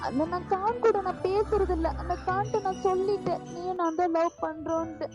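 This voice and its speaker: A woman's voice: very high voice, steady tone, normal speed, voice pushed up. A woman voicing a heartbroken young man who pleads tearfully with his boyfriend, repeating his name. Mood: pleading. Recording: lo-fi voice with music behind.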